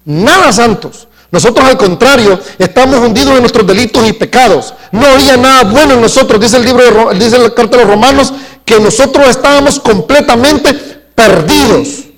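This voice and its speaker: High-voiced man preaching a sermon. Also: a bit bright. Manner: calls questions out to the congregation; emphatic, slows down to stress key words. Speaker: pastor. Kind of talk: live sermon. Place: church sanctuary.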